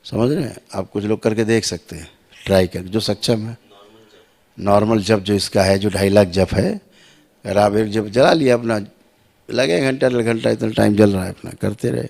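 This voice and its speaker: A man teaching devotees slowly, repeating sounds to show the right pronunciation and checking that listeners follow. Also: on the low side, fairly even intonation, vocal fry, a little mellow. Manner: asks listeners "है ना" and "समझ रहे हैं आप". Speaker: spiritual teacher. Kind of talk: slow spiritual instruction to devotees.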